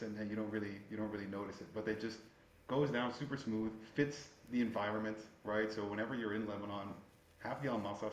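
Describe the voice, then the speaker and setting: A man co-hosting a podcast in casual chat, quick and chatty with frequent "right?" asides. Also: fairly low pitch. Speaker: podcast co-host. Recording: echoey room with faint background noise.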